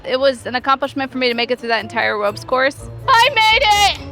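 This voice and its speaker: Chatty mom vlogger lady, kinda high voice, music playing under her. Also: fast, creaky. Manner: chatty, self-mocking, excitable. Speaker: vlogger, mother. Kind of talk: casual travel vlog chat.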